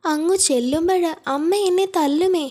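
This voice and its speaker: A woman's voice: very high voice, normal speed, dark tone. A woman reading the part of a poor, frightened young girl who pleads through tears, in an audiobook. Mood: distressed.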